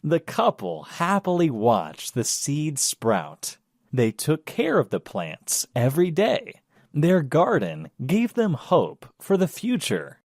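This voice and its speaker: Reading a children's storybook slowly and deliberately, a man lets his pitch swoop wildly up and down as the tale unfolds. The recording is dry, with no echo or sense of a room.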